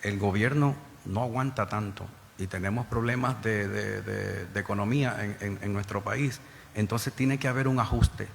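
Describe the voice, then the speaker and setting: A man's voice: fairly low pitch, steady tone, normal speed, creaky, slight background noise. A middle-aged man from the Bronx, a former federal agent, giving earnest public testimony to a panel with many repeated starts. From New York, Bronx. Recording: hall reverb with faint ambience.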